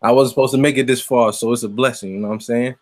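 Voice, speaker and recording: Late-20s New rapper, laid-back guest chat, slangy, mid-low pitch. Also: male voice, fairly even intonation, racing, darkish tone. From Brooklyn, New York. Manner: easygoing, slangy. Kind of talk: casual interview chat.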